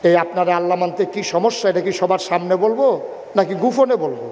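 A man preaching voices a calm, witty prophet who gives teasing replies, with a Bangladeshi colloquial accent. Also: high-pitched, fast, roomy sound, big-room sound.

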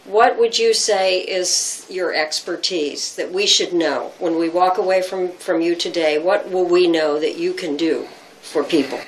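A woman's voice: lowish voice, measured pace, slight background noise, rough recording. A woman hosting a TV segment, narrating and asking polite, long rambling questions. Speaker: TV host interviewer. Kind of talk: TV interview and narration.

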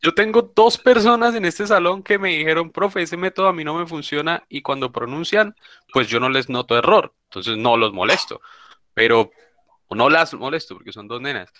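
Over a video call, a man teaches an online English class, informal and insistent, repeating his points and calling his students "papá." His mid-range voice is expressive, pushed and bright, at a normal pace. There's no room sound.

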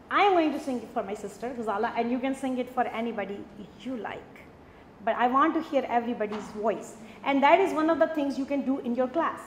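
Woman professor, high voice, long hall reverb, engaging the room. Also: slight background noise. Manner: animated, demonstrative, asks the audience questions. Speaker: professor giving a lecture. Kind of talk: lively classroom lecture. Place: lecture hall.

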